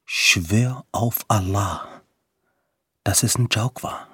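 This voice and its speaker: A man voicing a gruff young male friend who talks low and quiet, sometimes in a whisper. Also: very slow, dry recording, clean studio sound, exaggerated voice. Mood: stern.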